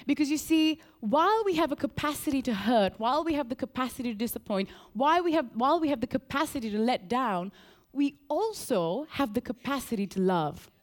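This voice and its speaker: A woman from Sri Lanka preaching a sermon, earnest and animated, repeating key phrases and telling a story. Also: high voice, brisk.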